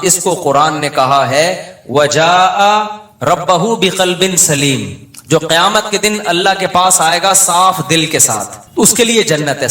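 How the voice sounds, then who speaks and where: Animated man lecturing in echoey hall. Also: sits high. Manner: animated storytelling, acting out quoted people. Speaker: Islamic scholar giving a talk. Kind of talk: conversational religious lecture.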